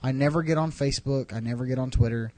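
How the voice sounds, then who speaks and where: A man's voice: mid-range voice, fast talker, dark tone, dry recording. A young man co-hosting a podcast, rambling and joking in casual chat. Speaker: podcast co-host.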